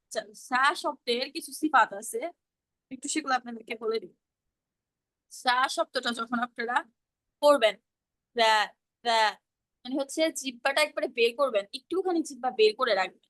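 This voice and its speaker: Bright high-voiced woman teaching online. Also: fairly quick. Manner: patient, repeats sounds for students to echo. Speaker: Quran recitation teacher. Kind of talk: online class instruction. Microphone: video call.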